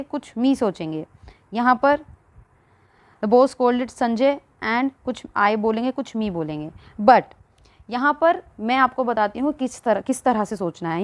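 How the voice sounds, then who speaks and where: A woman teaches grammar, explaining each point patiently, step by step. Her voice sits fairly high and she speaks very slowly. The sound is dry and close, with no room echo. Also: expressive. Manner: patient, explains step by step, mixes Hindi and English. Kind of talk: slow spoken grammar lesson.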